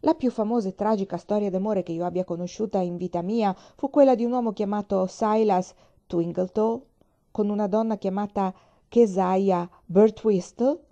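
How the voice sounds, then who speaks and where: A woman's voice: mid-range voice, moderate pace, mellow, lo-fi sound, voice pushed up, close to an everyday voice. A woman reading as a resolute pedantic uncle. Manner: resolute, matter-of-fact.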